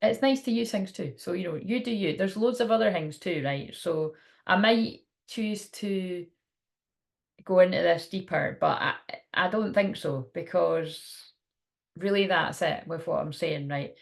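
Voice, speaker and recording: Woman, slightly low pitch, noticeable vocal fry, rambling casual chat. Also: measured pace. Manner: rambling, informal. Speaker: spiritual teacher.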